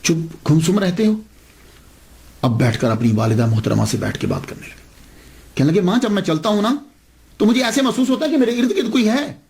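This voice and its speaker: A man's voice: high-pitched, expressive, quick pace, vocal fry, a little mellow. A male preacher telling a religious story as a sermon, emphatic and full of rhetorical questions.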